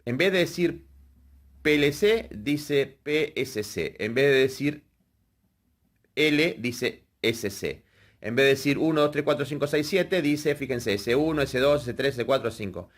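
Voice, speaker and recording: A man's voice: medium pitch, normal speed. Man explaining wiring step by step. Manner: explanatory, checks in with frequent "¿sí?" and "fíjense". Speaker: electrical workshop instructor. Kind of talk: hands-on technical lesson.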